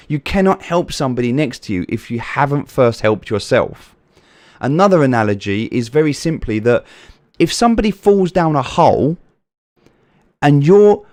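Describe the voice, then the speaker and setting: This British livestream host has a soothing, medium-pitched, darkish voice, recorded without room sound. He reads out names from chat, replies to each, and earnestly hammers home the same points about helping others.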